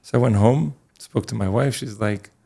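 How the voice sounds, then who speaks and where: Middle-aged priest, deep gravelly voice, earnest and relaxed when he recounts his past. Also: moderate pace. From Connecticut, USA. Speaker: priest, guest. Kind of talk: conversational interview storytelling.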